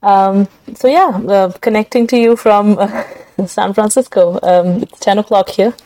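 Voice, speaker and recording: A woman's voice: medium pitch, unhurried, mellow, no echo, poor audio. A woman from Kashmir with a Kashmiri accent, answering interview questions in an emphatic, explanatory conversational way. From Srinagar, Kashmir. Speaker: guest researcher being interviewed.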